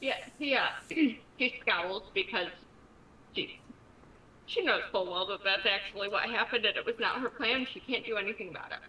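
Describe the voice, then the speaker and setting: A woman's voice: medium pitch, normal speed, pushed and bright, a little hiss or hum, low-quality recording. A woman playing a tabletop role-playing game, switching between casual table talk and speaking for her character.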